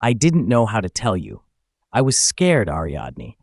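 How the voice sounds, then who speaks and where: A man's voice: on the low side, wildly swooping pitch, unhurried, gravelly, a little mellow, slightly rough, dry recording, clean studio sound, exaggerated voice. A man voicing a pleading, tearful wife. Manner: pleading, apologetic. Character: tearful guilty young wife. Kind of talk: storybook narration.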